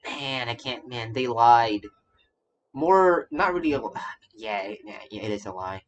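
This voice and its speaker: Game music underscores a man's animated, unhurried commentary as he reacts to the story of a game he's streaming. His voice is medium-pitched, and the audio has its highs cut off. He rambles casually, stammering and repeating what he says.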